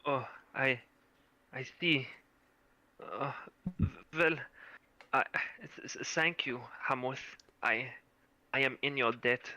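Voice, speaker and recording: A man's voice: medium pitch, takes it slowly, long pauses, sharp tone, dry recording. A man voicing a dazed young woman with a put-on Russian accent, who stammers and halts. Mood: confused. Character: dazed young woman, just rescued, timid.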